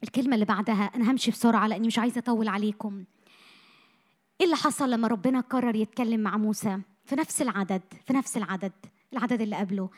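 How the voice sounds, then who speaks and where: A woman preaching a sermon to young people, passionate, moving from loud bursts to hushed lines, her voice a little tired. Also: on the high side, racing. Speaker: missionary speaker. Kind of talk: sermon to a youth meeting.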